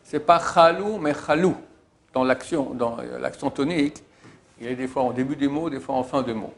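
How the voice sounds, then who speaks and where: A man's voice: medium pitch, steady tone, fairly quick, gravelly, a little hiss or hum. A male rabbi teaching a prayer, reading Hebrew phrases one by one and translating each into plain speech, stressing key words. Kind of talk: religious lesson, line-by-line translation.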